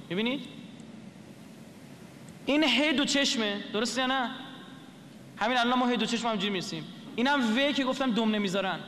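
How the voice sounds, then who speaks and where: A man's voice: high voice, a bit bright, big-room sound, a little hiss or hum. A man lecturing to an audience, explaining a script letter by letter and asking the listeners questions.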